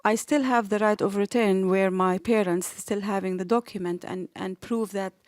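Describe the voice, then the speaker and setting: A woman gives earnest personal testimony. She hesitates on fillers as she speaks. Her voice sits at a middling pitch, and it is recorded close and dry. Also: fairly even intonation, moderate pace, darkish tone, no echo. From Lebanon.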